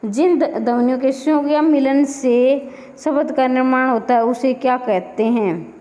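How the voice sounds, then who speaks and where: Female grammar teacher, fairly high voice, drills exam questions in a reverberant room. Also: unhurried, dark tone. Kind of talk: exam-prep lecture.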